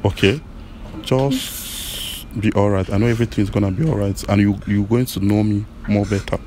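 Soft-voiced, consoling man, low and mellow. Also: a little hiss or hum. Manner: soothing, consoling, halting with repeated apologies. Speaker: blind date contestant. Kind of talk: emotional unscripted conversation.

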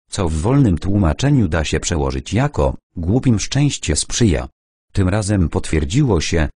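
A man narrating a first-person audiobook in a measured, deliberate storytelling manner, recorded on a close studio mic. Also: sits low, dark tone, breathy edge, no room sound.

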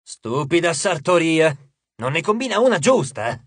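A man voicing a pompous, grumpy male sea god who talks like a booming showman announcer, slow and loud. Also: very animated, slightly rough, dry recording, heavily acted. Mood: grumbling.

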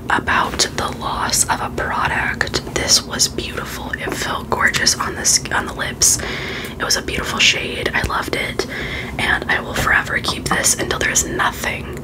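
Whispering woman, casual ASMR beauty chat. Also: rough recording. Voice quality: soft unvoiced whisper. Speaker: beauty vlogger.

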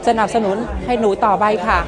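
A 19-year-old woman from Vietnam with a Vietnamese accent, speaking halting, simple non-native Thai as a pageant contestant in a casual interview. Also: mid-range voice, fairly even intonation. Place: busy indoor backstage makeup room. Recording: loud music and chatter behind.

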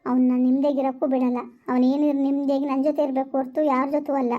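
A woman's voice: high-pitched, level tone, quick pace, lightly acted. A woman acting as a concerned friend who gives advice in a village family drama, talking persuasively. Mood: persuading. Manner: persuading, advising. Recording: dull lo-fi recording.

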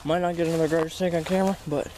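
A man with a slightly high voice talks off the cuff as host of an outdoor wildlife vlog. He is informal and exclamatory, swearing freely and addressing his viewers. The handheld camera picks up faint outdoor noise around him. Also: steady tone, racing, warm tone, rough recording. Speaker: host of amateur snake-catching vlog. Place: outdoors by a creek in weedy woods. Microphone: handheld camera held by the speaker.

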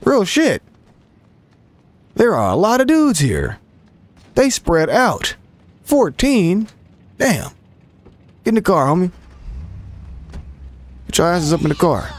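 A young man swearing, trash-talking and shouting at characters while commentating his gameplay. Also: fairly high pitch, slight background noise. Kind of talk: profane running commentary over gameplay.

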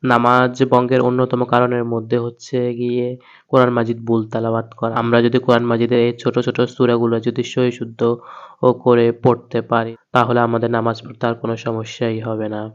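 A man teaching Quran recitation, spelling out each letter patiently and chanting the verses slowly. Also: medium pitch, monotone, clean tone, dull audio.

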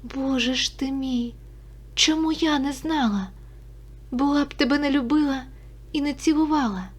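A woman's voice: normal speed, lightly acted. A woman voicing a young village girl, anxious and impulsive, pleading and questioning in a raised voice. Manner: high, pleading, breathless questions.

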